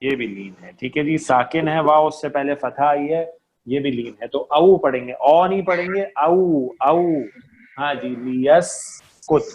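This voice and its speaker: A man's voice: fairly high pitch, normal speed, lo-fi sound, a little hiss or hum. A man teaching an online class, patient, repeating key terms and checking often that his students understand.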